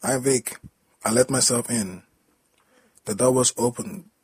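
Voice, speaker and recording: A man's voice: medium pitch, measured pace, darkish tone, husky, dry recording. A man reading the lines of a young adult male co-worker who talks in casual street slang. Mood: greeting.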